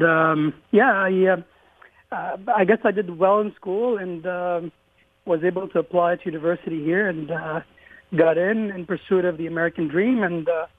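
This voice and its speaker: A man's voice: high voice, dry recording. Hesitant man on a tinny phone line. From Lebanon. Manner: hesitant, many fillers and restarts. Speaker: guest entrepreneur. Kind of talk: radio interview.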